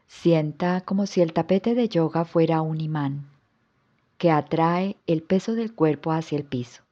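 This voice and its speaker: A woman yoga instructor guiding a yoga nidra relaxation with soft, calm instructions. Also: low voice, a little slow, dull audio.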